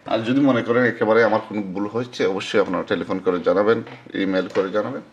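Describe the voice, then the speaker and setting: A man teaching Quran recitation in a screen-recorded lesson, sounding out syllables slowly and repeating them. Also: lowish voice, fairly even intonation, lo-fi sound, slight background noise.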